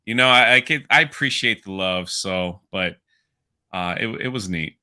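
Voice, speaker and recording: A man's voice: low-pitched, normal speed, pushed and bright, smooth. A man chatting as a podcast guest, joking and rambling, repeating himself as he talks. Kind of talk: casual chat.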